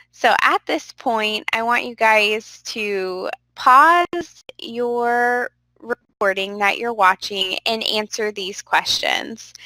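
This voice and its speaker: A young adult woman instructor gives an online class lecture into a computer microphone, sounding upbeat and encouraging though slightly stuffy from a cold. Her mid-range voice is creaky and sharp-toned, with no room sound and poor audio quality.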